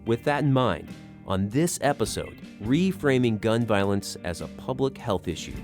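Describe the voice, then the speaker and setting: A man co-hosting a public radio podcast, delivering scripted narration calmly and evenly. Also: on the low side, moderate pace. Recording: studio with faint guitar music bed.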